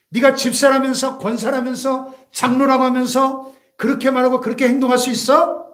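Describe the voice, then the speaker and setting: A man's voice: very high voice, a bit bright, pitched above the performer's own voice. A man voicing a sly male devil who taunts and accuses with scornful questions, in an echoey church hall.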